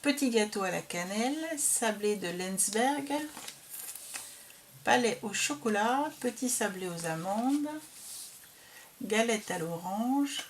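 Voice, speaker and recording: Woman, unhurried craft vlogger, hesitant with fillers, faint hiss behind. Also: mid-range voice, animated. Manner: slow, hesitant, filled with "euh". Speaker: craft vlogger showing a received album. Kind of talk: casual show-and-tell.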